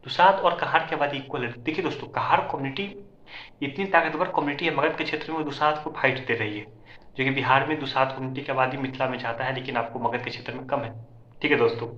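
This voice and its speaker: A man rattles through numbers at a very fast clip, his voice bright and forceful. The sound is echoey and a little dull, like a roomy, lo-fi home recording. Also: medium pitch. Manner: rapid, repetitive, keeps addressing viewers as friends. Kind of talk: informal explainer talk to viewers. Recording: echoey, slightly dull lo-fi audio.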